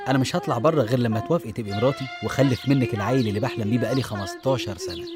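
A man's voice: medium pitch, very animated, very fast, close to an everyday voice. A man with an Egyptian accent playing a brash married man, smug and insistent, with music behind. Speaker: married suitor. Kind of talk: radio drama acting.

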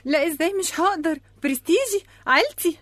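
An actress with an Egyptian accent playing a prim, anxious pregnant schoolteacher who talks in a fussy, flustered way. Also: female voice, very high voice, animated, fairly quick, fairly bright tone, dry recording, clean studio sound.

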